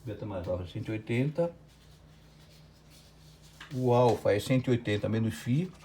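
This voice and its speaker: A man's voice: lowish voice, lively intonation, moderate pace, warm tone, slight background noise. A Brazilian Portuguese-accented man teaching physics in an online lecture, working through a problem step by step and checking often with "certo?".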